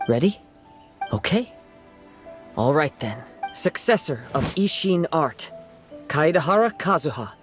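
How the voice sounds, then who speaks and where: An actor playing a calm, courteous young wandering samurai in a video game, with a formal, composed delivery. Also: male voice, a little high, measured pace, long pauses, music in the background.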